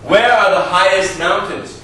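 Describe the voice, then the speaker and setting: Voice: mid-range voice, sharp tone. Teacher on echoey old camcorder audio. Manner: coaxing, brisk, counts students in. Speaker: English teacher. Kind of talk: classroom drilling with children. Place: classroom. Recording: echoey classroom, far from camcorder mic, noisy.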